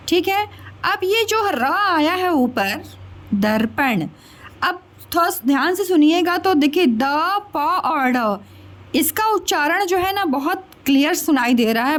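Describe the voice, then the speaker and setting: A woman teacher patiently explaining a grammar lesson to children step by step, often checking that they understand. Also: sits high. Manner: addresses listeners as children.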